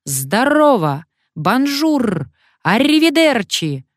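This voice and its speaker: A woman doing a hoarse cheeky old parrot. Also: lowish voice, expressive, no echo, clean studio sound. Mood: cheeky croaking. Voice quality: hoarse, croaking, drawn-out.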